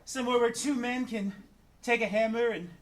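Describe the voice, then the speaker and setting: A man's voice: very high voice, fairly even intonation, moderate pace. A man playing a sentimental, melodramatic carnival strongman, pleading earnestly in a live improv comedy scene. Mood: earnest, defiant.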